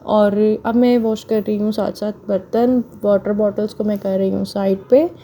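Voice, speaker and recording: A slightly hoarse woman, chatting homely and directly to viewers while narrating her chores. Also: medium pitch, steady tone, moderate pace, mellow, slight background noise. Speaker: home vlogger. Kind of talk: casual voice-over narrating chores.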